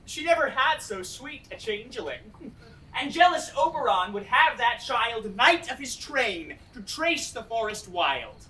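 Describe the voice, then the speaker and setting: A merry, knavish hobgoblin acted by a woman tells tales in theatrical Shakespearean verse. The high voice swoops about at an unhurried pace, full of playful mischief. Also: sing-song, pushed and bright, exaggerated voice. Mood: confiding. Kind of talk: Shakespearean stage acting in verse. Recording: stage recording from a distance.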